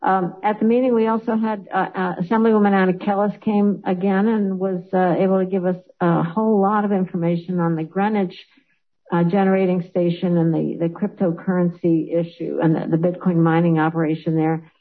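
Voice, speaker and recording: A woman's voice: fairly low pitch, level tone, a little fast. A woman legislator presenting a resolution at a public meeting, speaking hesitantly with many fillers, over a remote call. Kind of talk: formal meeting remarks. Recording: tinny phone-like audio.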